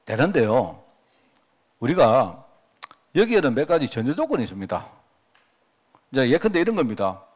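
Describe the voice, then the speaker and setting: A man's voice: medium pitch, big pitch swings, moderate pace, long pauses. A man, a pastor, preaching a sermon in a conversational way, asking his congregation rhetorical questions and acting out quoted prayers. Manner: acts out quoted prayers and remarks.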